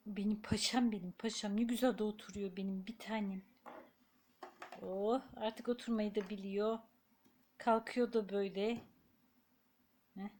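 A young woman filming her baby at home, talking slowly in a doting, cooing tone. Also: a little high, a little mellow. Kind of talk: casual home video narration.

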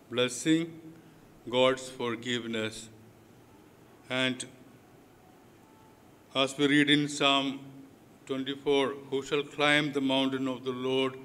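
A man speaking as a priest into a pulpit microphone, leading prayers in short, measured phrases with many pauses. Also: mid-range voice, sharp tone. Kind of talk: liturgical address and prayers. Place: large church. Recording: long church hall reverb.

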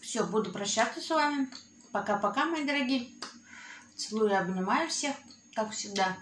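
A woman's voice: on the high side, lively intonation, normal speed, fairly bright tone, echoey room, a little hiss or hum. A woman hosting an eating video, chatting affectionately to her viewers while chewing, with a savoring, descriptive manner. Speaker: mukbang host eating clay. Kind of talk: casual chat to viewers.

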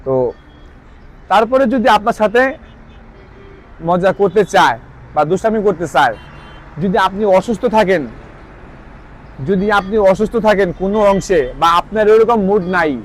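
A man, giving a casual spoken language lesson, repeating phrases slowly and checking that listeners follow. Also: sits high, a little hiss or hum. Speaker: language teacher.

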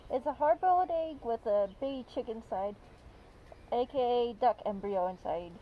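A woman's voice: on the high side, moderate pace. A woman chatting casually in a food taste-test video, talking loosely with trailing fillers, her voice muffled through a face mask. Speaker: guest co-presenter.

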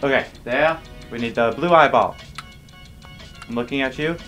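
A man's voice: mid-range voice, moderate pace, sharp tone, soft background music. A young man giving casual let's play commentary, rambling and jokey, exasperated by game lag. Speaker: gaming video host.

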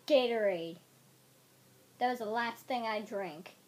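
A woman's voice: fairly high pitch, takes it slowly, noisy background. A young woman, chatting casually as a video co-host. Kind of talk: casual chat. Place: small bedroom, indoors.

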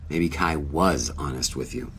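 A man plays a dry, guarded companion in a naturalistic audio drama, speaking in a laconic, teasing way. His voice is a rumbling low, unhurried, a bit bright, and exaggerated. Faint background noise can be heard.

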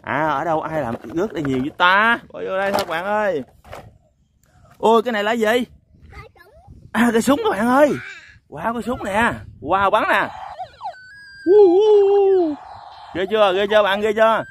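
A man hosts an outdoor toy-hunting vlog in a high, bright voice. He keeps exclaiming and chuckling as he talks straight to his viewers. A faint hiss sits under the recording. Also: a little fast. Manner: exclaims "wow" often, chuckles, addresses viewers. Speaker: toy vlogger. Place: outdoors on a sandy lot.

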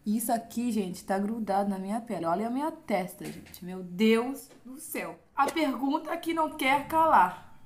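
A woman's voice: on the high side, lively intonation, moderate pace. A young Brazilian woman with a Brazilian Portuguese accent, vlogging casually to her viewers and dramatically exclaiming and groaning. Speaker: beauty vlogger. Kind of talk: casual vlog talk to viewers.

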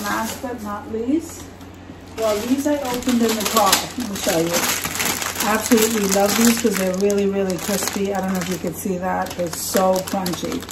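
A woman's voice: mid-range voice, heavy background noise. A woman chatting casually as she unpacks and shows her groceries in her home kitchen. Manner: chatty, relaxed, self-correcting. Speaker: vlogger. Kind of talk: casual grocery haul chat. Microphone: camera across the counter. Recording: echoey kitchen, camera from far off.

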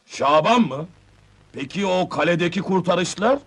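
An actor playing a gruff, bossy tough-guy football club boss in a comedy film, barking orders and threats. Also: high-pitched, lively intonation, normal speed, heavily acted. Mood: menacing. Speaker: team manager. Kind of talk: 1970s comedy film dialogue.

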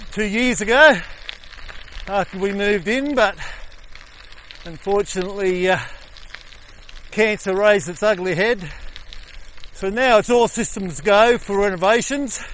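An older Australian man chatting casually to the camera while cycling outdoors on a coastal gravel road. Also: high voice, a little slow, pauses often, a bit bright, a little hiss or hum. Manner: chatty, easygoing, talking while riding. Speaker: cycling vlogger. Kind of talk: casual ride commentary. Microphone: helmet or bike camera.

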